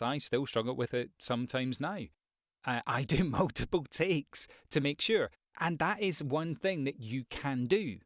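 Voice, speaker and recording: Close to the microphone with no room sound, a man with a medium-pitched voice acts as a voice-over coach. He talks to viewers in a rambling, conversational tutorial, expressive and full of acted examples.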